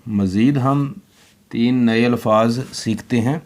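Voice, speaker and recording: A man teaching children handwriting, slowly spelling out letters one by one. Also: mid-range voice, darkish tone.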